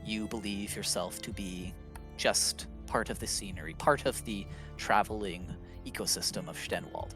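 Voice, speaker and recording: A man narrating as game master of a tabletop role-playing game, relaxed and full of fillers. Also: on the low side, moderate pace, over music.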